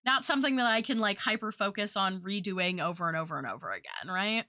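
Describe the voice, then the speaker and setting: A woman's voice: medium pitch, expressive, fast talker, bright, forceful tone, dry recording, studio quality. A woman chatting casually on an art livestream, rambling and thinking aloud. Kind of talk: casual, rambling livestream chat while drawing.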